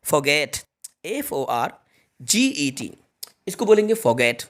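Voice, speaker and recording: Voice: medium pitch, sing-song, slow pace, a bit bright. An English teacher giving a spelling lesson in Hindi, spelling words out letter by letter and then repeating them, with frequent direct reminders to the students.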